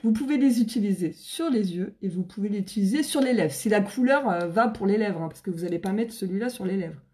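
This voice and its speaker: A bubbly independent makeup seller with a French accent hosts a live stream sales chat, showing makeup, tossing out casual slang and saying hello to viewers by name. Her voice is medium in pitch, animated, brisk and mellow.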